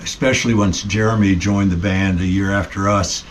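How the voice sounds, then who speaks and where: A middle-aged man, a band member, chatting casually in a relaxed way with frequent pauses and ums. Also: low voice, a little hiss or hum. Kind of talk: casual conversation.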